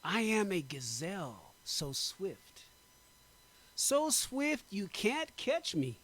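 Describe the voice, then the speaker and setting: A man giving a dramatic poetry recitation, slow and emphatic, drawing out his words. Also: huge pitch swings, a bit bright. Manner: slow, emphatic, drawn-out delivery with big pitch swings. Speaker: poetry performer.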